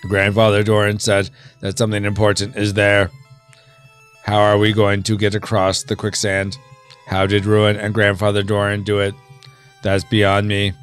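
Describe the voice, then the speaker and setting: A man putting on a flat, mechanical robot voice to read game characters' lines aloud on a stream. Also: on the low side, moderate pace, clean tone, soft background music, pitched below the performer's own voice, lightly acted. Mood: robotic.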